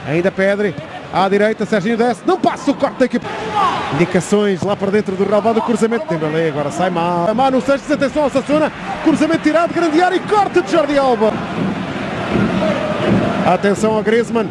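A man with a European Portuguese accent giving fast, dramatic, excited football play-by-play commentary with urgent calls. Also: sits high, over a noisy crowd. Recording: clear outdoor stadium noise behind. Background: stadium ambience.

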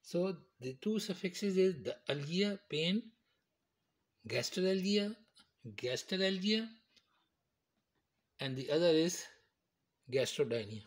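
Man slowly explaining medical terms. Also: high-pitched, expressive. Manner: slow, repetitive, explains step by step. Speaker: teacher. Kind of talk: medical terminology lecture.

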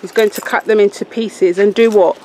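A vlogger with a London accent chats casually to a handheld camera held at arm's length, walking a village path and stopping at a small shop. Her medium-pitched voice is a little fast and a little mellow, with fairly even intonation. The recording is clear, with outdoor and room noise.

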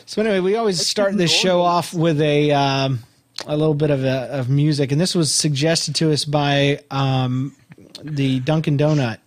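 A man hosts a loose, comedic chat show, cracking jokes and laughing with his friends. His voice sits a little higher than most men's. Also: steady tone, moderate pace. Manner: joking, laughs often. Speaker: podcast host.

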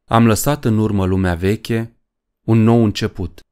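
A man voicing a spaceship captain who speaks slowly and deliberately calm despite his nerves. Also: fairly low pitch, clean tone, natural voice. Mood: forced calm. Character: nervous male spaceship captain forcing calm.

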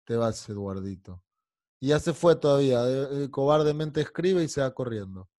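A man's voice: mid-range voice, expressive, normal speed, dark tone, no echo, clean studio sound. A man teaching an online English class, explaining in Spanish and drilling pronunciation by singing along to lyrics. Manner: irritated, scolding a heckler.

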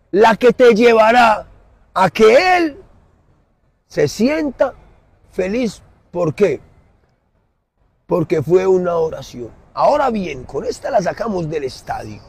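A middle-aged man with a Colombian Spanish accent preaching emphatically in an outdoor city plaza, swinging from loud to soft. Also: high voice, very animated, takes it slowly, long pauses, husky. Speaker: street preacher. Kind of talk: impassioned street sermon.

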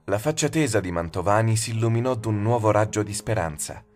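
A man narrating a horror story as an audiobook, in a measured, suspenseful way. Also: fairly low pitch, lively intonation, darkish tone, soft background music. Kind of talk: scripted dramatic narration.

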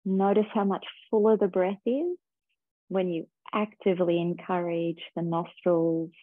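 A woman teacher slowly guiding a breathing and body-awareness meditation in a calm, soothing way. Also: lowish voice, dry recording. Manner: slow, calm, soothing guidance. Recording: tinny phone-like sound.

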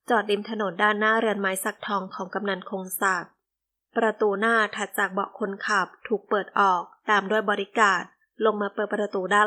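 Woman narrating a romance novel. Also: medium pitch. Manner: reads all the characters herself in a gentle, even voice. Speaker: audiobook narrator.

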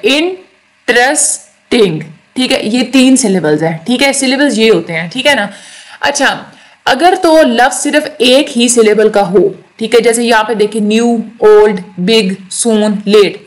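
Woman teaching, slightly high voice. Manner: explains slowly, repeats words, checks in with "ठीक है". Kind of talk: recorded lecture on English grammar.

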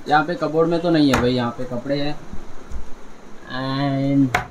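On a rooftop outdoors, a male vlogger with a medium-pitched voice talks at a measured pace into his phone camera. He rambles and repeats himself, calling his viewers "bhai," while music plays behind him and the audio quality is poor.

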